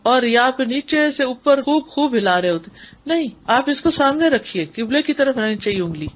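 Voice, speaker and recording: A woman's voice: sits high, expressive, muffled recording. A woman religious teacher giving an instructional talk, explaining and demonstrating prayer postures to her students.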